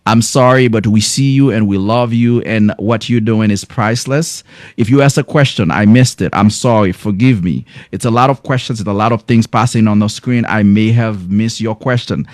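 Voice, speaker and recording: A man's voice: lowish voice, a little mellow, dry recording, studio quality. A man with a French accent hosting a live health education show from a clinic, closing out with effusive, repeated thanks to his viewers. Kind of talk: live-stream sign-off.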